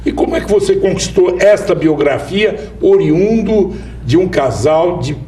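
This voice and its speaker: A man hosting a formal local TV interview, introducing his guest in a measured, announcer-like way. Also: high voice, lively intonation, dark tone, distant mic, a little hiss or hum. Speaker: interview host.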